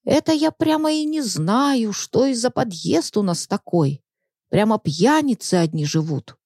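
A woman voicing a grumbling, nosy old woman who gossips in a slow, drawling voice. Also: a little high, lively intonation, a little mellow, no echo, studio quality, pitched above the performer's own voice.

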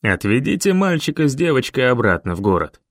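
A man voicing a calm, stern older leader who speaks in a measured, grave way. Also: medium pitch, no room sound, clean studio sound.

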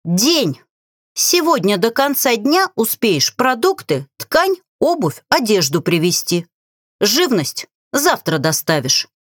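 A woman's voice: a little high, sing-song, slow, dry recording, clean studio sound, full character voice. A woman reading aloud, voicing a sly young witch who mocks and gives orders. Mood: commanding. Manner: mocking and commanding.

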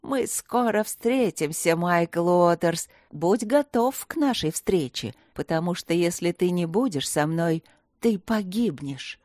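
A woman voicing a sinister disembodied male evil spirit that talks slowly and in a wheedling whisper. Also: fairly low pitch, animated, a little mellow, dry recording, clean studio sound. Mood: menacing whisper.

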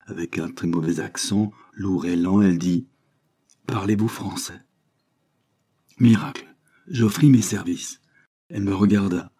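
A man with a low, warm voice narrates a classic novel as an audiobook. His reading is measured and expressive. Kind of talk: scripted literary narration.

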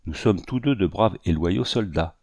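Man reading as a commanding general, cordial, formal, low voice, dry sound, audiobook. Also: expressive, normal speed, darkish tone, dry recording.

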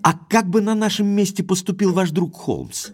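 An actor playing Sir Henry, a spirited, headstrong aristocratic baronet, with emphatic, well-bred phrasing in an audio drama. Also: male voice, high-pitched, normal speed, darkish tone, soft background music. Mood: decisive, eager.

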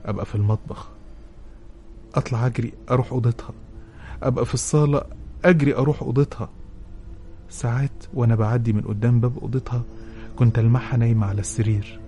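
With a lowish, warm voice, this Egyptian-accented male host gives a dramatic reading of a listener's letter before moving on to advice.

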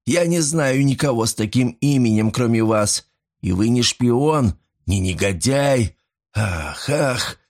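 A man voicing a nervous old male pawnbroker who pleads breathlessly, rising into shrill panic. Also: animated, slow. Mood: agitated.

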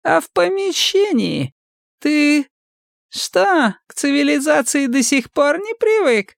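Dude doing a squeaky mocking soldier guy, high thin voice, sneery, storybook reading. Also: big pitch swings, takes it slowly, creaky, dry recording, clean studio sound, heavily acted.

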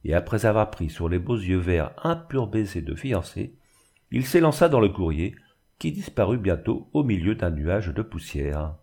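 A man giving a measured, expressive scripted narration of a classic novel as an audiobook reader. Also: low-pitched, husky.

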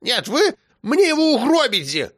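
A man voicing a loud, domineering old grandmother who scolds and shouts in a high voice. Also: big pitch swings, normal speed, heavily acted. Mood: scolding shouts.

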